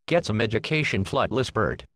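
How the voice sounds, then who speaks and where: A man's voice: lowish voice, lively intonation, normal speed, fairly bright tone. Marvin the Martian, prim and condescending as a man puts him on. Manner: prissy, lecturing, talks down. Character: pompous alien male villain, prim and condescending.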